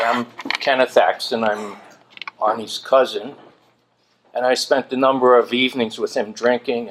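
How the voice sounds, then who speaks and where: A man giving a short, wry memorial tribute in a measured way. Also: medium pitch, fairly bright tone. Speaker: memorial speaker.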